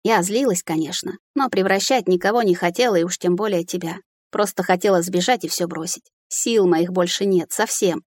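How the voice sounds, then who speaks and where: A woman narrating a first-person fantasy audiobook with an emotional, expressive delivery. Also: fairly low pitch, moderate pace, dry recording. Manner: emotional, expressive reading with tearful dialogue.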